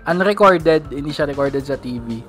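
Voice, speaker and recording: A man chatting casually and telling stories with animated quotes. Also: normal speed, soft background music. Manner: animated storyteller, acts out quotes in a high voice. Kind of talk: casual chat.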